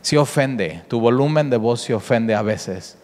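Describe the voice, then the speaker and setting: A man preaching a sermon with animated delivery, often repeating words and rising in pitch for emphasis. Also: measured pace. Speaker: pastor. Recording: echoey hall with long reverb.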